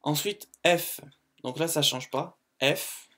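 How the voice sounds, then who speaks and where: Slow-talking man with a higher voice. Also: pushed and bright. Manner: chatty and hesitant, with frequent "euh" and restarts. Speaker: YouTube host teaching the English alphabet. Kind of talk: casual informal tutorial.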